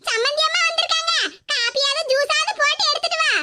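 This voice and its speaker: A woman voicing an older mother who tries to calm an angry guest in an animated cartoon, with a Kanyakumari Tamil accent. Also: very high voice, fast talker, noisy background. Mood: placating. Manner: placating, pleading.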